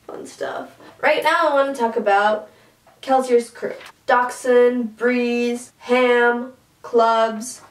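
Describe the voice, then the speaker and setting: Young woman gushing about a book, chatty, higher voice, echoey room, far from the mic. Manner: chatty, excitable, quick asides. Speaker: book reviewer. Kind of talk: casual book talk. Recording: roomy, from a distance.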